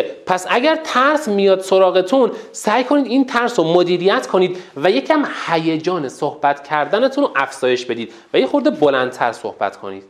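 A teacher giving a colloquial lecture in a public speaking course, asking rhetorical questions and repeating points for emphasis. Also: mid-range voice. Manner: animated, asks rhetorical questions to the listeners.

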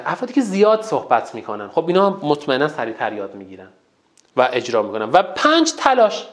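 A man teaching a lesson as a public speaking coach, emphatic and counting off steps, whose first language is Turkic. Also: a little high. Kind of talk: online lesson.

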